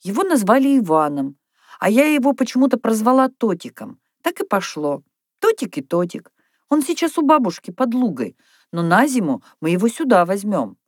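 A woman reading aloud, voicing a lively young girl who dreams of being an artist. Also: mid-range voice, normal speed, no room sound, clean studio sound, voice pushed up. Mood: eager. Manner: eager, bright, storytelling.

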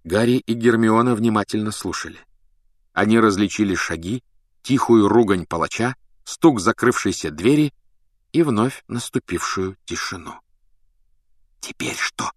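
A man narrating an audiobook in an expressive, dramatic reading on a close mic. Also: lowish voice, moderate pace, no room sound.

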